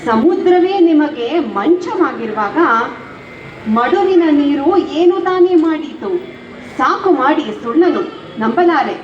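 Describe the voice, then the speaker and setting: A woman singing the part of a goddess who jealously accuses her husband, in a slow, drawn-out devotional song. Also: high-pitched, expressive, a little hiss or hum. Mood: accusing. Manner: sung in slow, drawn-out phrases with spoken refrains. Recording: roomy, dull recording with faint music.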